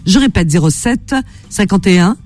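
A woman's voice: medium pitch, expressive, moderate pace, darkish tone. A woman hosting a radio phone-in for small ads, chatting casually in a playful, teasing, informal way. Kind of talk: casual live radio chat.

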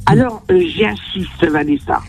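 A woman's voice: lowish voice, lively intonation, measured pace, darkish tone, faint music behind. A woman calling a radio phone-in, talking casually in a chatty, insistent way. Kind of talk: casual chat.

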